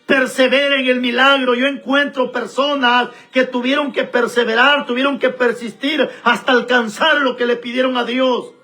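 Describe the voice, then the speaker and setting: A pastor preaching with a very high, bright, ringing voice. He hammers points home through repetition and speaks straight to the listener. Soft music plays faintly behind him. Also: fairly even intonation, moderate pace, hardly any pauses. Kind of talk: sermon.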